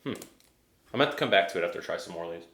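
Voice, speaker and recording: A deep-voiced American man gives a casual tasting review. He talks hesitantly, working out his thoughts as he goes. The sound is roomy, with noticeable echo. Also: lively intonation, racing, vocal fry, a bit bright. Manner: hesitant, thinking aloud. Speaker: whiskey reviewer.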